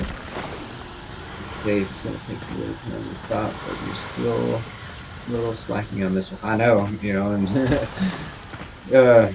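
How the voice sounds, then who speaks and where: Laid-back low-voiced guy rambling to his stream chat, laughs a lot, hiss underneath. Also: gravelly. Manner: rambling, easygoing, laughs often. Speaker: variety game streamer. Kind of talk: casual chat with viewers while gaming. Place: home streaming room. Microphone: desk microphone.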